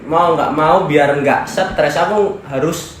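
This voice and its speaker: A man's voice: fairly high pitch, takes it slowly. A teenage boy being interviewed as a guest, earnest and explaining step by step with small fillers. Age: teens. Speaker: student guest. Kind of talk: casual interview talk. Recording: roomy echo with faint noise.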